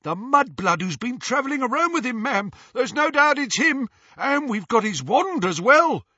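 Scabior, a man doing a shrill eager snatcher. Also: moderate pace, breathy edge, no room sound, dull audio, heavily acted. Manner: excitable, wheedling, pushy. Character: shrill, eager male snatcher, lowborn lackey.

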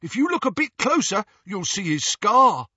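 Scabior, a man doing a shrill eager snatcher. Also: moderate pace, slightly rough, no room sound, muffled recording, exaggerated voice. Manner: excitable, wheedling, pushy. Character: shrill, eager male snatcher, lowborn lackey.

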